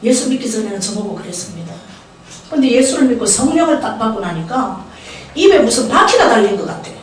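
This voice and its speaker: An older woman with a Gyeongsang Korean accent, a prayer house director, preaches a humorous storytelling sermon in a church sanctuary, chatting with and questioning the congregation. Her fairly high, sing-song voice moves fairly quickly, picked up in poor quality by a distant mic in an echoey church hall, with a little hiss or hum.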